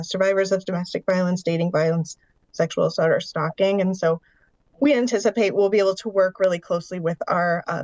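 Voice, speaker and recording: A congested woman with a lowish voice, clearly under the weather, is a staff presenter giving a funding update at a county board meeting over a video call. She walks steadily through the figures and programs step by step, explaining each. The audio is lo-fi with no echo.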